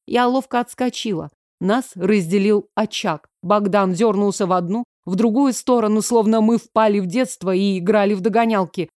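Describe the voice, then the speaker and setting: A woman reading a first-person novel aloud in a lively, wry storytelling manner. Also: mid-range voice, moderate pace, dry recording, studio quality. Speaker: audiobook reader. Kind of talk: first-person fiction narration.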